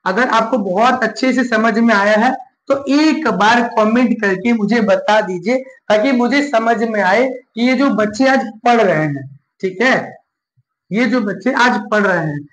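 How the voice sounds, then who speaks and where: A man teaching an English grammar live class, slowly repeating each point and asking questions he answers himself. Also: high voice, a bit bright. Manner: slow and repetitive, asks and answers his own questions. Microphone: live class recording. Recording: echoey room with faint noise.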